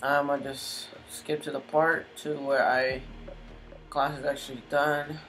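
A man's voice: fairly high pitch, flat delivery, measured pace, a bit bright, faint music behind, rough recording. A young man hosting his gaming channel, giving casual gameplay commentary with joking, muttered asides to himself.

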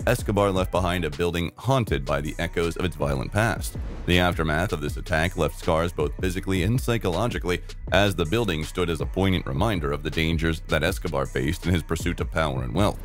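Guy with a really low voice doing documentary voice-over, formal and dramatic, soft music under it. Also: fairly quick. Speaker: documentary narrator.

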